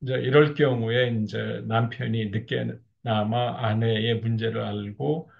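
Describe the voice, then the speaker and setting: A man's voice: mid-range voice, steady tone, a little slow, creaky, muffled recording. A man lecturing on marriage counseling, explaining steadily with frequent filler words. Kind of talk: lecture on couple communication.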